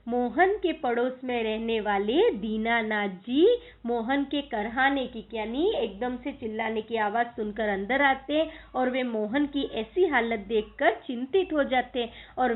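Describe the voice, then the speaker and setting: A woman teacher retelling a school play for her students, explaining hard words as she goes. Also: a little high. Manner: storytelling with glosses of words. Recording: tinny phone-like recording.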